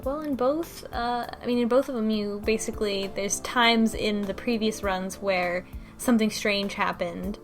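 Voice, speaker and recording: A woman with a medium-pitched voice speaks at a moderate pace as a panelist on a casual book club podcast, with background music behind her. Her manner is wry, incredulous and conversational.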